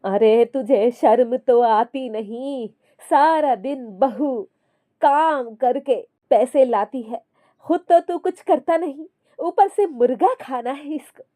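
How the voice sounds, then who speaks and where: A woman voicing a stern, scolding older mother-in-law who speaks slowly and drags out her words. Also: a little high, animated, mellow. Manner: slow, drawn-out scolding.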